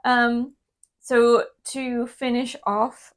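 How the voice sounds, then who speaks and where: A woman's voice: fairly high pitch, level tone, drawn-out words. A Welsh woman co-hosting a casual wrestling reaction chat, recapping matches with plenty of ums and laughs. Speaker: co-host.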